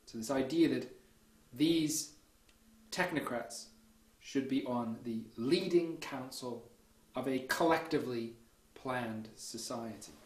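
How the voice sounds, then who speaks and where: A man delivering a university history lecture in a measured, deliberate way, often checking in with "okay" and starting points with "so". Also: mid-range voice. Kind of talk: academic lecture. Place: lecture room. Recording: echoey lecture room.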